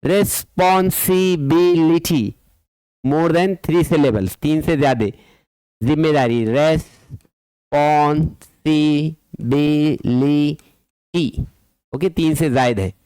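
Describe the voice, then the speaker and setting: A man's voice: on the high side, a little slow, mellow, dry recording, low-quality recording. A man teaching a school English lesson, switching between Hindi-Urdu and English and repeating words for students.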